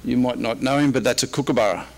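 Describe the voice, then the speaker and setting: An Australian man with a mid-range voice speaks quickly into a microphone in a convention presentation room. Presenting as a historian, he gives an informal slide-show talk that's casual and dryly humorous.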